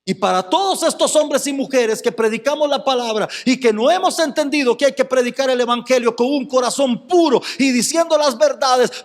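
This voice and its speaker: A man's voice: very high voice, vocal fry, in a large hall. A male pastor preaching a fervent sermon, firing rhetorical questions at the congregation.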